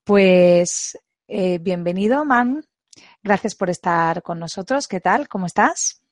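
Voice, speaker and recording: A woman's voice: medium pitch, expressive, slow pace, no room sound, clean studio sound. A woman with a Spain accent presenting a scripted introduction to an online conference.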